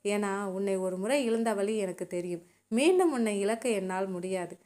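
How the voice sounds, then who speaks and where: A remorseful young man speaks softly and with restraint, as a woman storyteller reads his lines. His lines are quietly loving and subdued, in the style of a storybook reading. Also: mid-range voice, normal speed, natural voice.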